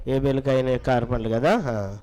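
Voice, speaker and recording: A man teaching a children's Bible class, quizzing the children and urging them to answer loudly. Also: mid-range voice, steady tone, normal speed, poor audio. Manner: coaxing, repeats questions, urges children to answer loudly.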